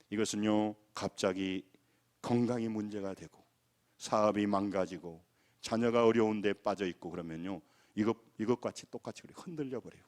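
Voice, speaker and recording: A man preaching a Sunday sermon as pastor of a church, with a Jeolla accent, moving between loud calls and quiet, low passages. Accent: Gwangju Jeolla. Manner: animated preaching, shifts from shouted calls to low quiet close. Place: church sanctuary.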